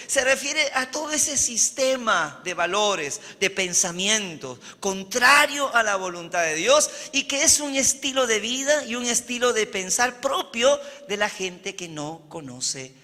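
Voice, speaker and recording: A high, bright-voiced man from Peru preaches a sermon, his pitch rising and falling widely. He speaks slowly and keeps drawing in his congregation with amens and questions. A long reverb from the church hall trails behind him. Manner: preaching with frequent "amén" and "¿verdad?" to the congregation. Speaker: pastor.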